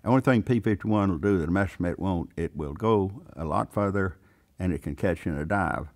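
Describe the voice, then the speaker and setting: A man's voice: deep voice, a little fast. An older man, a veteran pilot and aircraft owner, talking in a plainspoken, folksy way in a casual interview.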